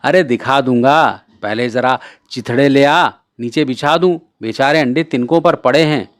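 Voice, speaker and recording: A man's voice: mid-range voice, a little slow, no echo, studio quality, close to an everyday voice. A man voicing a bossy older brother who scolds his little sister in a brusque, impatient way.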